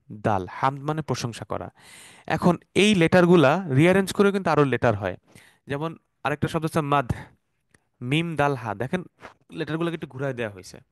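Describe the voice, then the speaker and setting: A man's voice: on the high side, expressive, dry recording, clean studio sound. Patient male Arabic teacher. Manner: patient, repeats words slowly, mixes English terms. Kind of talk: explanatory online class.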